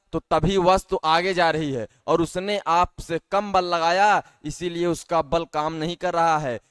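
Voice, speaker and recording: Man, teacher, science lesson for kids, unhurried, asks and answers his own questions, dry close sound. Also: a little high, a bit bright, clear, resonant tone, dry recording. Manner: patient, asks questions and answers them himself; calls the students dear children often.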